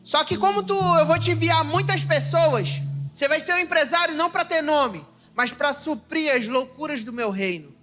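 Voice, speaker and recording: A young Brazilian man preaching in church with a high, bright, ringing voice. He moves between fervent outbursts and hushed, confiding stretches. Soft music plays quietly behind him. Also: normal speed. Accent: Brazilian Portuguese. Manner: fervent, shifting between loud exclaiming and soft confiding, calls listeners "irmão". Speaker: evangelist preacher. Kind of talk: emotional sermon with personal testimony. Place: church service.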